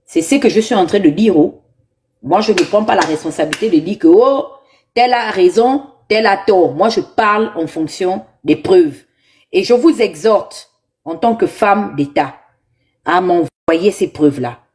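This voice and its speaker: A woman hosts a live commentary show, speaking emphatically and exhorting her viewers with repeated appeals. Her medium-pitched voice is animated and darkish, delivered a little slowly.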